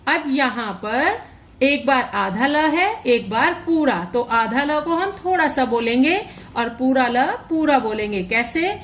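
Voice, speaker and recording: Slow, careful woman teacher. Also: sits high, lively intonation, a bit bright, slight background noise. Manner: slow, careful, spells out syllables for children. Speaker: school teacher. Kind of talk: online class lesson, reading aloud slowly.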